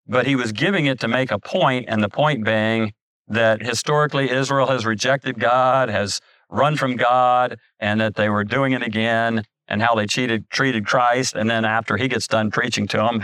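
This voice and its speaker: A man's voice: mid-range voice, steady tone, normal speed, a bit bright, no echo. A middle-aged man, a pastor, preaching a conversational sermon with frequent restarts and asides.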